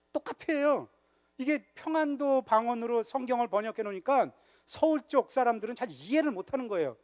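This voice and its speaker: Man, high voice, lively church-retreat lecturer who teases the crowd with questions. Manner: jokes and quizzes the audience. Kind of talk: humorous church history lecture. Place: church hall.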